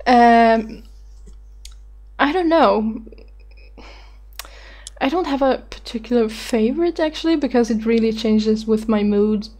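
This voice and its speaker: A woman's voice: fairly high pitch, unhurried, long pauses, darkish tone. A woman in her twenties answering viewer questions on a webcam, rambling and self-deprecating, giggling and swearing casually. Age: 20s. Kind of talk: casual chat.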